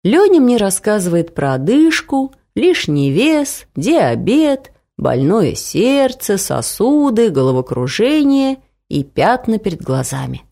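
Wry, expressive woman reading aloud. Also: medium pitch, slow pace, hardly any pauses. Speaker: narrator and author. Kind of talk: audiobook reading.

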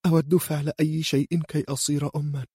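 A man's voice: a little high, level tone, fast talker, mellow, husky, no room sound, studio quality, pitched above the performer's own voice. A man voicing a worried young woman who speaks in an anxious, pleading way.

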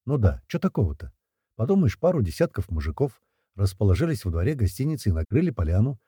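A man's voice: on the low side, big pitch swings, fast, warm tone, slightly rough, no echo, studio quality, exaggerated voice. A man voicing a sly gang member who plays dumb in a drawling, joking way. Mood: sly mockery.

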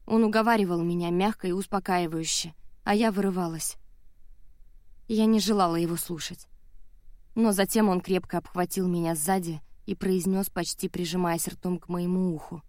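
A woman's voice: on the low side, steady tone, normal speed, a little mellow, no room sound. Woman narrating a novel, dry close sound. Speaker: audiobook narrator. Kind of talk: first-person novel narration.

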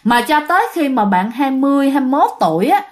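Animated woman storyteller. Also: sits high, fast talker. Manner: animated, addresses listeners directly. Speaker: ghost story narrator.

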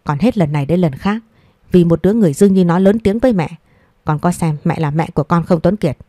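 A woman's voice: lowish voice, brisk, warm tone, no room sound, studio quality, close to an everyday voice. A woman voicing a domineering, scornful older mother in an audio story, speaking in a scolding tone. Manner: scolding, contemptuous.

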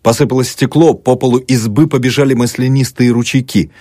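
A man narrating an audiobook in an expressive, dramatic storytelling manner. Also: medium pitch, brisk, no room sound, clean studio sound.

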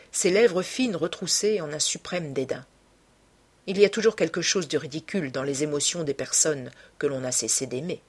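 A woman narrating a classic novel in a measured, hushed storytelling manner, with a husky voice. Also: fairly low pitch. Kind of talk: literary audiobook narration.

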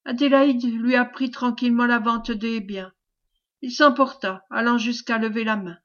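A woman narrating a classic French novel as an audiobook reader, in a measured, expressive way. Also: on the high side, highs cut off.

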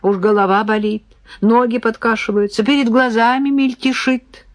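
A woman voicing a cantankerous old man, a quarrelsome pensioner, in an audiobook, talking slowly and querulously. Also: fairly high pitch, fairly even intonation, no room sound, pitched above the performer's own voice, natural voice. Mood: whining.

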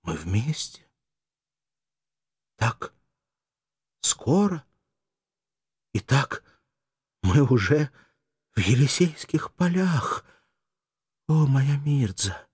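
A man reading an audiobook, voicing a dying wounded warrior who speaks in a weak, faltering, breathy voice. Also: medium pitch, big pitch swings, extremely slow, long pauses, darkish tone, dry recording, studio quality, pitched above the performer's own voice, heavily acted. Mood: faint tender.

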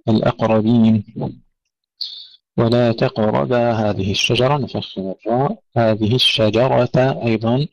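A man teaching Quran recitation rules, correcting common mistakes and slowly demonstrating the right pronunciations. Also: mid-range voice. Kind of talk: tajweed lesson. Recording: dull lo-fi dry recording.

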